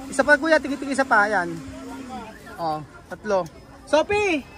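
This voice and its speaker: A woman vlogging outdoors, chatting with children in a lively, coaxing way and switching between languages. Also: a little high, moderate pace. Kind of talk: casual vlog chat with children. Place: busy street outdoors. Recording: crowd and music noise outdoors. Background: street crowd and music.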